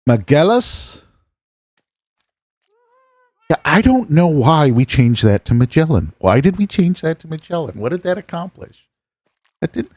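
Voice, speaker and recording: A man's voice: fairly high pitch, dry recording, studio quality. An American man chatting casually while streaming a game, rambling and musing aloud as he plays. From United States. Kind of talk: casual gameplay chat with chat.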